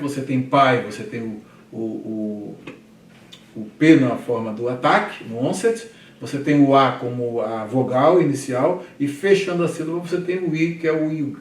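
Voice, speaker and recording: Heard from a distance in an echoey classroom with slight background noise, a man with a mid-range voice and a Brazilian Portuguese accent lectures as a teacher. He patiently goes over terms slowly and keeps checking in with "tá?".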